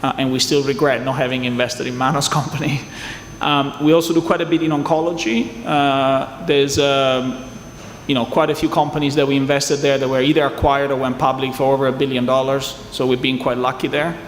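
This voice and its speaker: An Italian man from southern Italy, a venture capital investor on a panel, talks in a medium-pitched, level voice at a fairly quick clip. He's chatty and jokes with the audience during a conference fireside chat. The conference hall sounds echoey, with faint ambience and a little hiss or hum.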